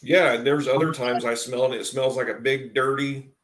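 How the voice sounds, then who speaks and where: A man's voice: medium pitch, steady tone, moderate pace, fairly bright tone. A man in his forties hosting a casual live stream, chatting in a laid-back way and greeting viewers as they join. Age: 40s.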